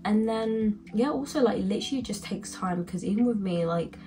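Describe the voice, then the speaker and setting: Young woman, medium pitch with vocal fry, rambling casual storytime chat. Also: normal speed, mellow, faint music behind. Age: young adult. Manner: rambling, heavy use of "like". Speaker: vlogger.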